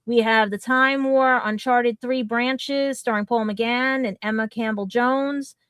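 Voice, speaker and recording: A woman's voice: on the high side, fairly even intonation, slow, a bit bright, clear, resonant tone, no echo. A woman co-hosting a casual podcast, rambling, laughing easily and stumbling over names. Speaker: podcast co-host.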